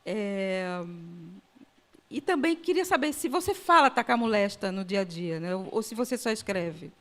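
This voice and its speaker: A woman mediating a literary conversation, asking long questions with frequent pauses and hesitations. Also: medium pitch, expressive. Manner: hesitant, many fillers and restarts. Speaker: interviewer, mediator.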